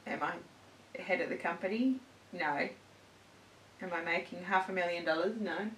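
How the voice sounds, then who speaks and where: A woman's voice: fairly low pitch, normal speed, fairly bright tone, slight background noise. Woman, 30s, beauty vlog host, chatty Q&A, roomy distant camera mic. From born in the USA, raised in Australia. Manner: chatty and upbeat, answers at length. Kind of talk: casual Q&A chat. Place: indoors at home on a couch.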